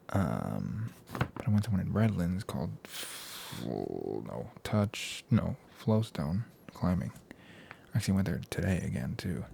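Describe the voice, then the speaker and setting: Young adult American male for casual ASMR chat: hushed, soft-spoken, often whispering, with gravelly fry, over noticeable background noise. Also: low-pitched. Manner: laid-back, slangy, meandering. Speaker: ASMR video host.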